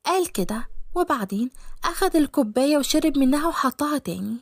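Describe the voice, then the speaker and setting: Lively Egyptian woman telling a story. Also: sits high, fast talker, no echo, clean studio sound. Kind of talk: audio story narration.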